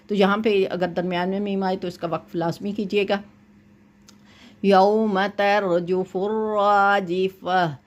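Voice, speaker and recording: A woman teaching Quran recitation rules, explaining each point patiently and chanting verses slowly to demonstrate. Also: mid-range voice. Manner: often checks in with "thik hai". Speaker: tajweed teacher. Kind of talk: Quran recitation lesson with corrections.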